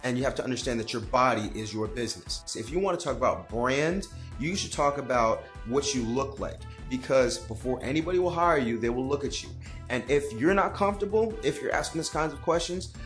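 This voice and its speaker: A man's voice: medium pitch, animated, brisk, fairly bright tone, faint music behind. A man, a personal trainer, speaking to camera in an earnest, direct coaching manner in an advice vlog.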